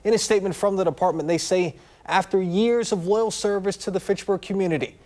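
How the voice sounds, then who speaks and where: Upbeat male news anchor, slightly high voice. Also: a little fast, a little mellow. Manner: upbeat, conversational asides. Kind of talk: evening newscast reading. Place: TV news studio.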